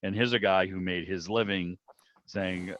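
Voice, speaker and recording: Hosting an online club meeting over a video call, a man chats casually and enthusiastically about old radio, rambling and thinking aloud as he goes. His voice is low, fairly even, unhurried and a little bright. The audio is muffled and roomy, typical of a video call from indoors.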